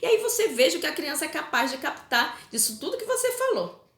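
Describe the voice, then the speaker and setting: A fairly high-voiced woman teacher with a Brazilian Portuguese accent explains homework to parents. She talks in a chatty, friendly way and keeps checking in with quick tag questions. The recording sounds roomy and echoey. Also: very animated, a bit bright. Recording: echoey room.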